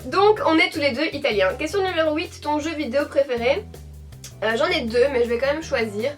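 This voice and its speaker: Belgian woman, mid-20s, high voice, casual rambling YouTube chat, slightly off-mic with light music under. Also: expressive, fairly quick, far from the mic. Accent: Belgian French, Hainaut. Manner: chatty and rambling, with frequent fillers and self-corrections. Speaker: beauty YouTuber answering a tag. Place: at home, indoors.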